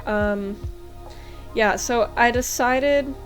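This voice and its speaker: Young American woman, easygoing chatty game commentary with soft music under it. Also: on the high side, drawn-out words. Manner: chatty, lots of fillers like um and like. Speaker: game vlogger. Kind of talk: casual voice-over commentary.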